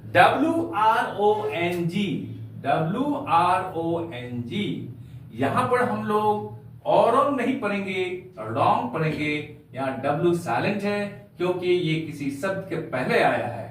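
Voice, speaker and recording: A man teaches a spoken English lesson in a slow, patient classroom manner, spelling words out letter by letter and calling his students dear children. His voice sits high and swings widely in pitch. It is picked up from across a very echoey room. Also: very animated, far from the mic, a little hiss or hum.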